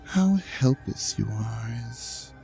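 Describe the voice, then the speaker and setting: In this audio drama, a man plays an ancient dragon god who is vain, suave and quietly menacing, gloating as he addresses the listener in a scripted monologue. His voice sits on the low side and is animated and exaggerated, drawling very unhurriedly with a gravelly creak and slipping into breathy murmurs. His speech is theatrical and mock-courteous, with faint music playing behind it.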